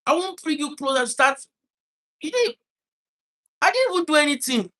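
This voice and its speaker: A man with a Nigerian accent tells a painful personal story in an earnest, halting way. He often repeats and restarts his words while trying to hold back tears. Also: very high-pitched, big pitch swings, bright, forceful tone. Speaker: vlogger telling a personal story.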